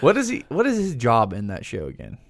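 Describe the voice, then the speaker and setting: A man's voice: mid-range voice, huge pitch swings, brisk, no echo, studio quality. A man co-hosting a casual podcast, brash and profane, teasing his co-host. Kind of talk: casual chat.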